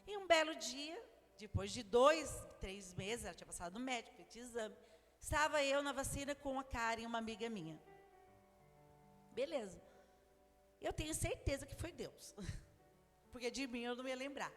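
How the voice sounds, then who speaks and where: A woman's voice: on the high side, animated, normal speed, long pauses, fairly bright tone. A woman with a Brazilian Portuguese accent preaching a sermon, telling stories in a chatty way with many asides. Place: church. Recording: long church hall reverb, faint music.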